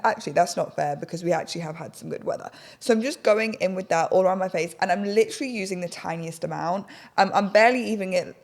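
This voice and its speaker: Doing her makeup in a bright indoor home studio, a young adult podcast host rambles through a casual get-ready-with-me chat, poking fun at herself along the way. Her voice is lowish and a touch husky today. She speaks into a desk podcast microphone mounted on an arm.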